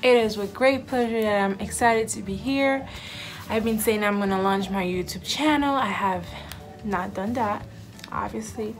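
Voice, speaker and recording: A woman's voice: mid-range voice, moderate pace, faint music behind. Chatty young woman vlogging to camera. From Haiti. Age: 20s. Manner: chatty, giggly, with many fillers. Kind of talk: casual introduction to camera. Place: indoors, small room with backdrop. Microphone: camera in front, head and shoulders.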